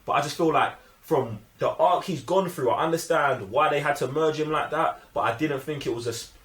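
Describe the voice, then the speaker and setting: Slightly high and fairly bright, a London-accented man speaks fairly quickly as host of a film review show. He presses his points emphatically in heavy slang and repetition, with echoey room sound around him.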